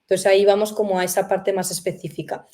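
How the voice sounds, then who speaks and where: A woman's voice: medium pitch, little pitch movement, fast talker, warm tone. A woman hosting a conversational interview, reflective and full of rhetorical questions. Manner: reflective, uses many fillers and rhetorical questions. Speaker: host.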